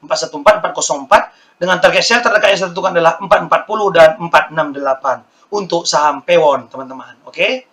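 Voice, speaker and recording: A man with a hoarse, slightly raised voice gives a quick-paced stock market lesson over his charts. He circles back to the same figures again and again and keeps speaking to the viewers as friends. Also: a little high, fairly bright tone. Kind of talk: screen-share stock chart walkthrough.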